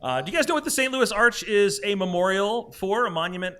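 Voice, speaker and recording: A man's voice: high voice, lively intonation, fairly quick, fairly bright tone. A man hosting a live podcast among friends, joking around and quizzing the group with trivia. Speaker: podcast host. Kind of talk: casual group chat.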